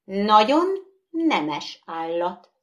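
A woman's voice: medium pitch, sing-song, a bit bright. A woman voicing a gallant but condescending male bogeyman in a storybook reading, lofty and matter-of-fact.

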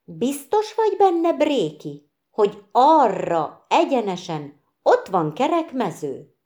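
Female reader voicing an excitable young cricket, high-pitched and keen, question after question. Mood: eager.

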